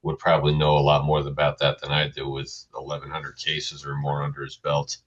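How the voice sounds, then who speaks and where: A man's voice: very deep voice, completely flat delivery, fairly quick, fairly bright tone, slightly rough. A man co-hosting a paranormal podcast, talking in a hesitant, hedging way with many restarts. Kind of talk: casual chat. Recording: dull lo-fi sound.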